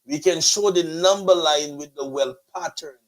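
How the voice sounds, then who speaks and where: A man with a Guyanese accent hosts a motivational online show as its pastor, preaching in emphatic, flowery, repetitive rhetoric. His voice is on the high side, and he speaks at a moderate pace.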